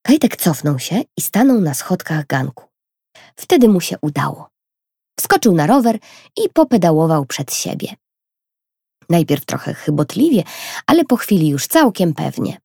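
A woman narrating a children's storybook in an expressive, lively reading. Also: fairly low pitch, normal speed, gravelly, husky, no room sound, studio quality.

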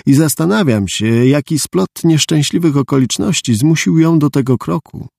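A man voicing a calm, proud, middle-aged former soldier who speaks in a measured, polite way. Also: on the high side, creaky, no echo, clean studio sound, voice pushed up. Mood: earnest.

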